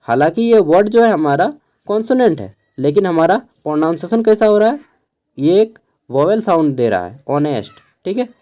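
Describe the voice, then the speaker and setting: Mellow-voiced young man teaching. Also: on the high side, sing-song. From Jharkhand, India. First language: Khortha. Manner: explains slowly, spells words out letter by letter; keeps checking in with listeners. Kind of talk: casual exam-prep lecture.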